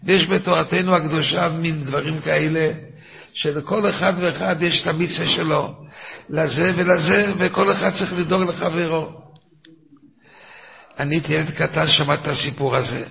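An older man, a rabbi, giving a weekly lesson as lively storytelling, acting out the people in his stories. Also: on the high side, creaky. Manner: animated, acts out shouting characters in stories.

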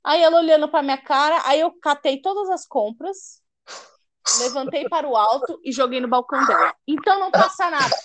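A woman's voice: high-pitched, fairly quick, no echo. A young woman hosting a casual chat, telling a heated story and acting out the lines of other people in it, with some swearing. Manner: animated, swears, acts out quoted dialogue. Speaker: podcast host.

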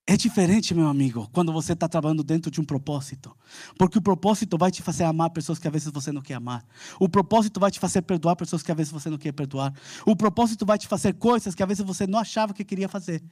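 A man's voice: fairly high pitch, fast talker, a little mellow, no echo, studio quality. A man with a Brazilian Portuguese accent preaching a sermon, emphatic and repetitive, building to fervent calls and asking "amen?".

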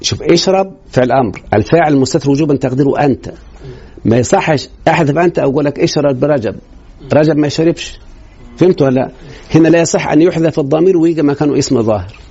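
A man's voice: a little high, fast, mellow, husky. A man with an Egyptian Arabic accent teaching a grammar lesson in a classroom, quizzing students with rhetorical questions. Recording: dull lo-fi recording.

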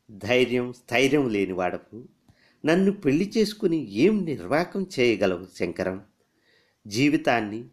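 A man reading a story aloud, voicing a firm, composed young woman who scorns weakness and later pleads gently. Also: mid-range voice, natural voice. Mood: scornful. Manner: stern then gently pleading.

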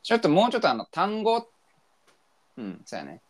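Teasing Kansai man, bouncy pitch. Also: wildly swooping pitch. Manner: teasing, quick laugh, jumps high in pitch. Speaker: podcast co-host. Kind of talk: casual chat, improvised word game.

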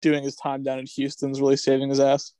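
A young man co-hosting a casual sports podcast, making quick jokes and saying "like" a lot. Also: mid-range voice, completely flat delivery, mellow, smooth, no room sound. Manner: joking, quick quips, uses "like" a lot. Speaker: podcast co-host.

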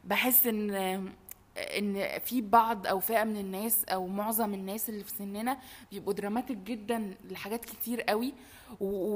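A young woman with an Egyptian Arabic accent, chatting casually and reflectively. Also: medium pitch. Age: young adult. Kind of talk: casual reflective group chat.

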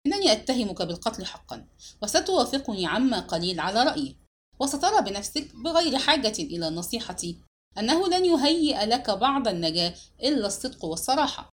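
A woman voicing a calm, cold male police investigator in an audiobook reading, questioning a suspect. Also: fairly high pitch, fast. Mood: cold, accusing.

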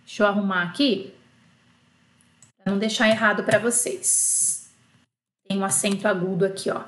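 A Brazilian woman with a Brazilian Portuguese accent teaching an online French lesson, explaining patiently and spelling out letters slowly. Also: medium pitch, steady tone, roomy sound.

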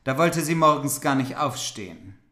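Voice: mid-range voice, animated, moderate pace, pushed and bright. A podcast co-host reading an old fairy tale aloud, stumbling now and then over old words. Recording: roomy echo.

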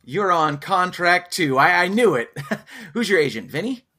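A man's voice: high-pitched, animated, unhurried, pushed and bright, voice pushed up, heavily acted. A man playing an awkward, friendly male hired protester who stammers and laughs nervously. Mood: sheepish.

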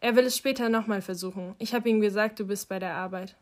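A quiet, matter-of-fact mother from an audiobook, voiced by a woman narrator. She speaks plainly to her teenage son, in a mid-range voice. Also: mid-range voice, fast talker, natural voice. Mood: calm.

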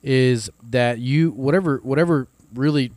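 A man from Ohio on a casual ministry podcast, speaking haltingly with many fillers as he works through his thoughts. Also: medium pitch, a little mellow, no room sound.

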